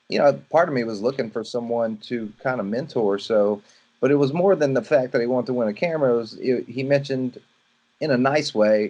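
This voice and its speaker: A man's voice: fairly low pitch, darkish tone. Southern guy on a video call, rambly, lots of ums, kinda muffled lo-fi sound. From Louisiana, USA. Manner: rambling, many fillers and restarts. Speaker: photography mentor. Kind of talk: casual video-call conversation.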